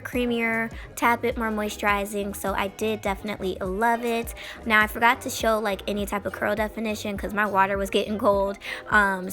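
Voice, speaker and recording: A woman giving a chatty, informal product review as a vlogger, slightly hoarse as she gets over a cold. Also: mid-range voice, fairly bright tone. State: recovering from a cold. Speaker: beauty vlogger. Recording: faint music under voice. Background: faint music.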